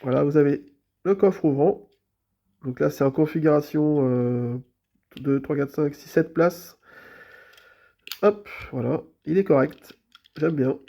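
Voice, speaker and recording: A man with a slightly high voice and a soft, mellow tone, talking through a stuffy nose from a cold. He chats in an easygoing, unhurried way, with lots of small hesitations and repeated fillers, like a casual show-and-tell vlog. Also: gravelly. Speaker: toy car collector presenting his collection.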